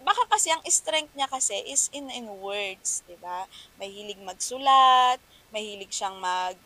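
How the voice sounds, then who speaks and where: A woman giving a chatty, lively lecture on teaching children, mixing languages and often asking her listeners to agree. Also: on the high side, a little slow, rough recording.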